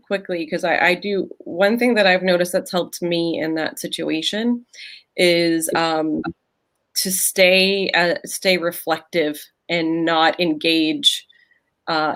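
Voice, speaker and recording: A middle-aged woman co-hosting a livestream, sharing personal stories in a reflective, halting way with many fillers and laughs, over a video call. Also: on the low side, a bit bright. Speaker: co-host of a livestream conversation. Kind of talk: casual personal conversation.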